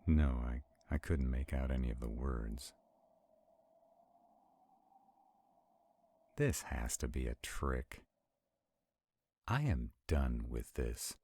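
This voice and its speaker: A man plays an arrogant vampire in a roleplay audio drama, his extremely low, husky voice dark in tone and slow as he lingers on each phrase. Heavily acted and expressive, he sounds haughty and commanding, protective yet skeptical, with a stern, dismissive mood.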